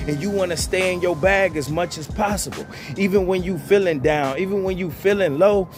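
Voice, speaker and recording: A channel host gives his viewers blunt, profane motivational advice directly, repeating himself and calling them "bro." His voice is high, with slight background noise.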